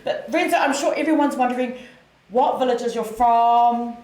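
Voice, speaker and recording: A woman's voice: a little high, moderate pace, a little mellow. Bubbly teasing woman co-host, echoey. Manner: bubbly, teasing, laughs often. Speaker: podcast co-host. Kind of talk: casual podcast chat. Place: studio room. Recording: echoey room.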